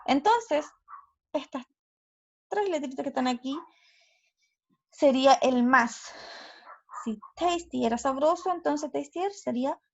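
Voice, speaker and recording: High-voiced Chilean woman teaching grammar. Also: animated, gravelly. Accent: Chilean Spanish. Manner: slow, careful explanations with checking questions. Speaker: English teacher. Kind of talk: recorded online grammar lesson. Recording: slightly dull lo-fi audio.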